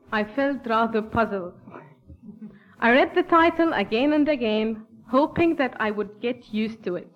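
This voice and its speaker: A woman from Bethlehem, Palestine, whose first language is Arabic, gives a formal address in Arabic-accented English at a church gathering. Her fairly high voice is earnest and measured, and the recording has its highs cut off.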